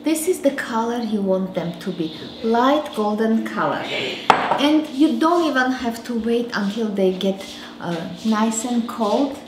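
Her voice runs a little high and animated, at a measured pace, and the clip is very noisy. A woman in her thirties with an Armenian accent demonstrates a recipe on her home cooking show, bantering with her child in a large kitchen where dishes and utensils clatter.

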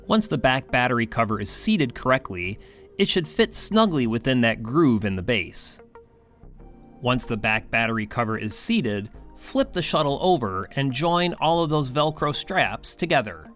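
Lively man narrating step-by-step instructions. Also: medium pitch. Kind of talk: scripted instructional voice-over. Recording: faint background music.

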